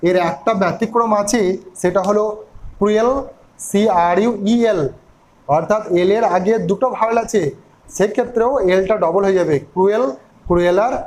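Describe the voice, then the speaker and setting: A man's voice: high voice, a little mellow, poor audio. A man teaching an English grammar lesson, spelling words out letter by letter and asking his listeners questions.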